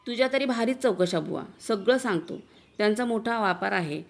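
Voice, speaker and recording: A woman's voice: mid-range voice, expressive, a little fast, gravelly. A bragging husband, as a woman narrator reads him. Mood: boastful. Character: boastful husband, middle-aged man, smooth talker.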